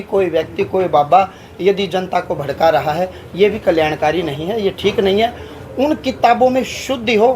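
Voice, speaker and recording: A man's voice: high voice, darkish tone, slight background noise, poor audio. Declaiming religious man in a press talk. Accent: Haryanvi Hindi. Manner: declamatory, rhetorical lists. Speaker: religious leader. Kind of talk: press statement.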